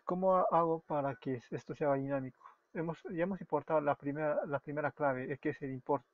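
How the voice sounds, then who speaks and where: Brief: Peruvian-accented man, fairly high voice, tutorial narration that stops to correct itself, dull lo-fi sound with typing. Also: quick pace, no echo. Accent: Peruvian Spanish. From Peru. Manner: explains step by step, self-correcting, often apologizing. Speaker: web development tutor. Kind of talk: screen-recorded coding tutorial. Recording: dull lo-fi recording with keyboard typing.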